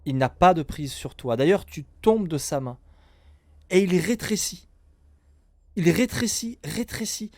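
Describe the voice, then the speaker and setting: Slow, theatrical male game master. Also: high voice, expressive, creaky, dry recording. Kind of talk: dramatic improvised narration of a tabletop role-playing game.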